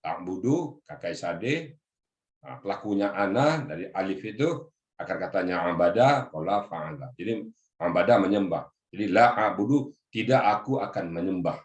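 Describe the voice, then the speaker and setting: Over a video call, a man with a lowish voice and a roomy sound teaches Quran exegesis to a group. He works through the verses' grammar one word at a time, frequently addressing his audience as "Pak."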